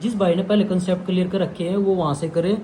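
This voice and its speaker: Young man, high voice, chatty exam lesson, faint room noise. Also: steady tone, fast talker, warm tone. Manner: chatty, repeats "bhai" to the viewer. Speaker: exam coaching teacher. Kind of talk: casual explainer lesson.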